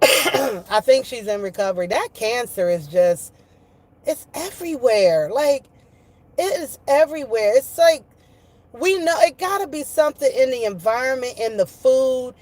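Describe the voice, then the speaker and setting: A woman's voice: sits high, lively intonation, a little slow, a little mellow. A woman chatting casually on a livestream in a slangy, profane, gossipy way, often repeating her phrases for emphasis. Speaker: online streamer talking with live chat viewers.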